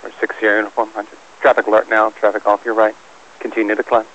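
A man's voice: on the low side, completely flat delivery, fast talker, fairly bright tone. A man working as an airport tower air traffic controller, giving clipped instructions over air band radio. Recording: muffled radio with faint static.

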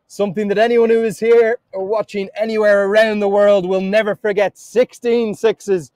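A man calling a cricket match live from the commentary box, building to excited shouts at the big moments. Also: high voice, moderate pace, no room sound, low-quality recording.

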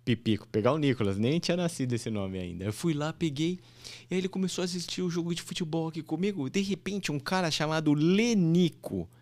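A man's voice: on the high side, a little fast. A man, a podcast guest telling a heartfelt story in a casual, emotional way. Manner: animated, emotional, repeats "meu" and "pô".

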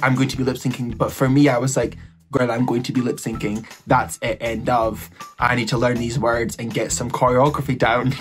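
A young man with a camp, gossipy, slangy manner, chatting through a makeup tutorial as a drag queen. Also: medium pitch. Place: small indoor setup before a cloth backdrop. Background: background music.

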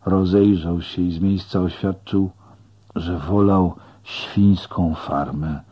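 A man reading an audiobook aloud in a slow, plain first-person storytelling manner. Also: low-pitched, fairly even intonation, warm tone, husky. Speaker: audiobook narrator. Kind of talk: audiobook narration.

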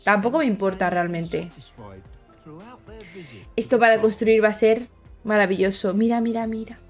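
A young woman with a Spain Spanish accent, hosting a game preview at home late at night, gushing with excitement while keeping her voice down so she won't shout. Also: mid-range voice, normal speed, soft background music. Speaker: gaming video host.

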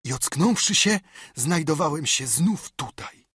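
A man's voice: a little high, measured pace, breathy edge, dry recording, studio quality, pitched above the performer's own voice, full character voice. A man voicing a half-mad marooned castaway who is eager, wheedling and keeps repeating himself. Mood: pleading. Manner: excitable, pleading, repeats himself.

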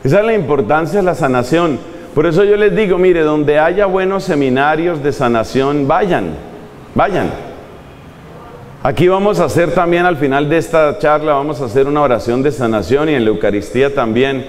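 Male preacher, lively and humorous, fairly high voice, long echo of a church hall. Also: moderate pace. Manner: animated, humorous, acting out examples. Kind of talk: sermon.

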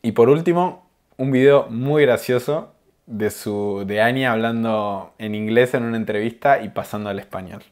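A man, calmly explaining usage over video clips. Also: medium pitch, normal speed. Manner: calm, explanatory, amused. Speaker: Spanish teacher.

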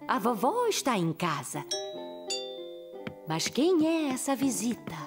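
A woman voicing a gentle gazelle schoolteacher in a dubbed cartoon, announcing a school play in a theatrical way. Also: fairly high pitch, big pitch swings, slow pace, over music. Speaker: teacher presenting a school play.

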